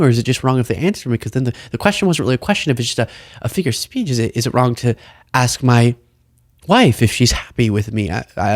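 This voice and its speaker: A man's voice: mid-range voice, dry recording, studio quality. Sarcastic man hosting commentary. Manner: sarcastic, mocking impressions. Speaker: political commentary host. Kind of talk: casual commentary reacting to clips.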